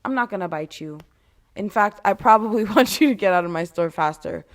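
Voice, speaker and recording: A woman's voice: mid-range voice, expressive, a little fast. A woman with a mid-range voice talks casually and candidly, as if laying down rules for customers. She is blunt and swears freely, slipping in sarcastic, exasperated asides. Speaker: retail worker giving advice to customers.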